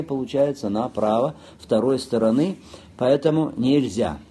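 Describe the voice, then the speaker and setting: A man's voice: mid-range voice, dark tone, breathy edge. A man teaching a lesson on Islamic commercial law, walking through worked examples, repeating key phrases and asking the listeners rhetorical questions. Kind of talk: lecture on Islamic jurisprudence.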